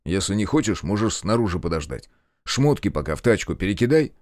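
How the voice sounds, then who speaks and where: A man reading a gritty first-person audiobook, narrating with lively delivery and voicing the dialogue, sometimes breaking into shouts. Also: fairly low pitch, fairly quick, no echo, clean studio sound.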